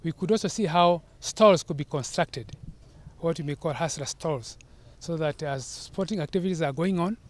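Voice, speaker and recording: County official, fairly high voice, earnest and halting outdoor statement. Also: male voice, a little hiss or hum. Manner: earnest, with "uh" pauses and restarts. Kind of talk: press statement. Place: outdoors at a stadium. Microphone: handheld press mics.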